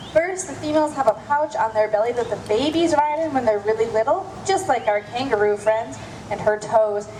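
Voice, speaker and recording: Casting: high-pitched woman for a children's zoo show, kids' party magician coaxing the audience, echoing, noisy live sound. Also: a little mellow.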